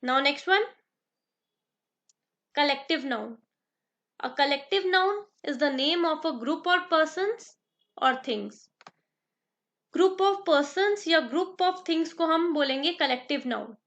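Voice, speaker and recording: High-voiced woman teaching grammar. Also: fairly bright tone, lo-fi sound. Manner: slow dictation of examples, quizzing the viewer. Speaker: exam prep teacher. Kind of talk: grammar lesson in Hindi-English mix.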